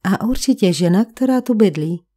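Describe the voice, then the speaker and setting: A woman's voice: medium pitch, expressive, mellow, lightly acted. A woman reading a nervous young maid with a slight Italian accent. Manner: anxious, defensive. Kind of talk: audiobook character voice.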